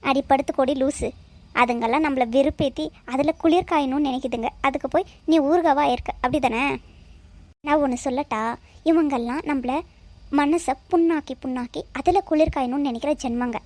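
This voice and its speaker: A woman's voice: high-pitched, brisk, a little mellow, close to an everyday voice. A woman voicing a young married man in a cartoon, argumentative with his uncle and lecturing his wife. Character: young married man, sharp-tongued and defensive.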